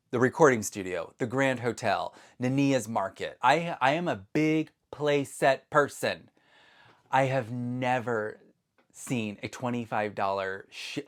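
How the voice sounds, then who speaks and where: A man talks to his viewers in a chatty, excitable vlog, wandering into asides as he goes. His voice sits at an ordinary middle pitch. It is captured on a phone camera at home. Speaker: doll collector vlogger. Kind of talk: casual vlog chat.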